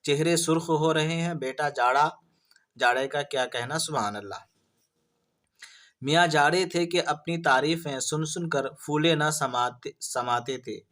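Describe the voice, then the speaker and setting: Teaching exam-prep vocabulary in Urdu, this man asks his students questions and keeps supplying the answers himself. He speaks with a fairly bright tone in a voice pitched a bit above the typical male range.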